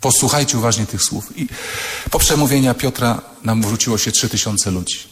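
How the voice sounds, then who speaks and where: A man's voice: medium pitch, a little fast, fairly bright tone, a little hiss or hum. A man, a priest, giving a humorous sermon to students, telling anecdotes and acting out the people in them. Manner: storytelling, acts out quoted voices. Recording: echoey hall with long reverb.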